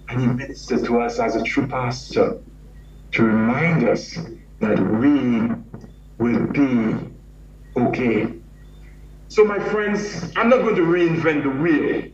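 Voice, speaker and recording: A middle-aged clergyman lectures slowly, in measured, rhetorical phrases built on lists and repetition. He sounds distant from the mic in a reverberant hall. The audio is muffled, with a faint hum underneath. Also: on the high side. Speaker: clergyman giving a memorial lecture. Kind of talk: sermon-like lecture.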